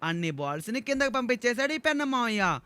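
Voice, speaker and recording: Excitable man narrating a game for kids. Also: very high voice, fast talker, smooth. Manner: excitable, exaggerated and theatrical. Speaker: gaming video narrator. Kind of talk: playful game commentary for children.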